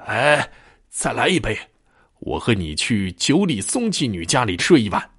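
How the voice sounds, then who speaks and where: A man's voice: mid-range voice, sing-song, unhurried, a bit bright, slightly rough, no echo, studio quality, full character voice. A man reading a storybook, voicing a sly male friend who coaxes and pushes. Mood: coaxing. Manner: coaxing, pushy.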